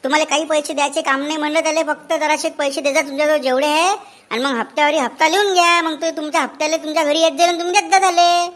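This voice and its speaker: A know-it-all cartoon villager who chides everyone around him, voiced by a woman. His voice is high and he talks in a Vidarbha Marathi accent. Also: steady tone, rapid-fire, fairly bright tone. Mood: explaining. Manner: scolding, chiding. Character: fussy village man Shantaram, know-it-all. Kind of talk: cartoon comedy voice acting.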